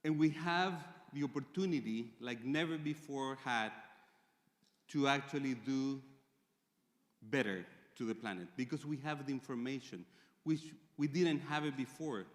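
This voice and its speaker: A conference speaker gives a presentation in a large, reverberant conference hall. He is a Chilean man whose first language is Spanish, and he speaks with a Chilean Spanish accent at medium pitch. His delivery is measured, broken by frequent pauses and fillers.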